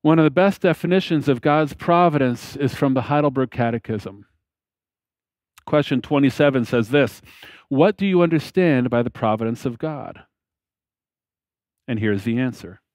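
A man in his fifties preaching a sermon from a church lectern on a headset mic, slow and deliberate, with emphatic pauses and phrase ends that fall away. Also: mid-range voice, darkish tone, no echo. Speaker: pastor. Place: church platform behind a lectern, indoors.

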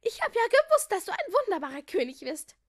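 A woman's voice: very high voice, very animated, fairly quick, voice pushed up. A woman voicing an affectionate, gushing storybook girl.

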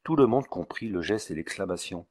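A man narrating a classic story as an audiobook reader, in a measured, expressive way. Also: low voice. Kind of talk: audiobook reading of a classic novel.

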